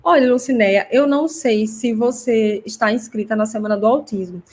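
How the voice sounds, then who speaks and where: A woman's voice: on the high side, a little fast, a little mellow. Woman hosting a live class. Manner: chatty, explanatory, reads comments aloud. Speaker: host teaching parents. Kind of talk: live online class answering viewer comments.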